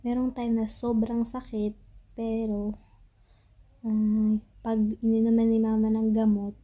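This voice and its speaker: A young Filipina woman telling a family story in a casual vlog, halting and searching for words, fighting tears at times. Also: on the high side, flat delivery, highs cut off. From Philippines. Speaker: family vlogger. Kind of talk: emotional story-time monologue. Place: home in Pakistan.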